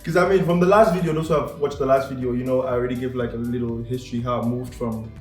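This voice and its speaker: Music plays in an echoey room as a young man from Cameroon runs his channel, joking in a relaxed, playful manner. He speaks quickly at a medium pitch with fairly even intonation.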